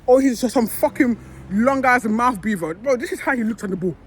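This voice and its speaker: A woman's voice: on the high side, normal speed, background noise. A woman, a football fan giving a heated, swearing reaction rant that keeps circling back on itself. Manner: heated, swearing, repeats herself.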